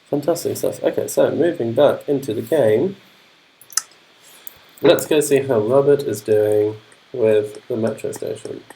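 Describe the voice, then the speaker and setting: Mellow-voiced upbeat English teacher, polished London accent. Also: male voice, mid-range voice, low-quality recording. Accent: polished London English, not Cockney. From London, England. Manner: speaks slowly and clearly for learners; upbeat, keeps saying fantastic. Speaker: English teacher streaming a game. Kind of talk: livestreamed gameplay commentary.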